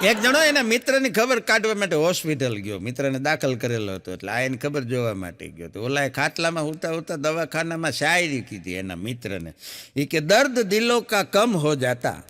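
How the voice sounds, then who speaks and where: A man doing stand-up, telling jokes in a lively storyteller's manner, acting out the characters and laughing at his punchlines. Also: fairly high pitch, a little fast. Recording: echoey hall sound.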